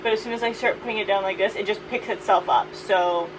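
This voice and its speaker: A woman's voice: medium pitch, fast. A woman vlogger chatting casually and playfully about her things in informal, slangy language, with a fan running as she talks. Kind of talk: casual beauty declutter chat. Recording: steady fan noise behind voice.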